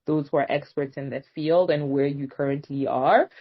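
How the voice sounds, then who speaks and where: Speaking in a low, husky voice, this young Congolese nonprofit co-founder chats casually as an interview guest, her talk sprinkled with "um" and "you know." The audio comes from a dull, lo-fi remote recording.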